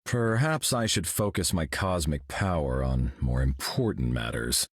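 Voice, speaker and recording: The speaker is a solemn golden cosmic hero for a video game, calm, grave and serene. At a measured pace, he delivers a full character voice that is very low and husky with lively, rolling pitch, recorded close and dry.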